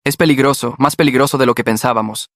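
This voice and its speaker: A man's voice: mid-range voice, steady tone, fast talker, fairly bright tone, no echo, clean studio sound, close to an everyday voice. A man reading as a frightened young woman. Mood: frightened pleading. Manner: pleading, tearful.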